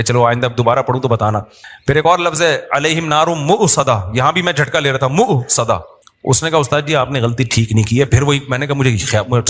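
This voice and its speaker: A man's voice: mid-range voice, a bit bright. A middle-aged man, a religious teacher and imam, giving a conversational sermon with humour and little acted-out quotes. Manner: conversational, humorous, acts out quoted people.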